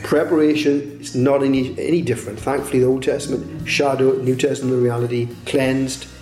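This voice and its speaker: A man's voice: medium pitch, level tone, fairly quick, a little mellow. A man leading a church Bible study, preaching with chatty, self-mocking asides. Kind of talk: sermon. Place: church hall. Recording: echoey church room.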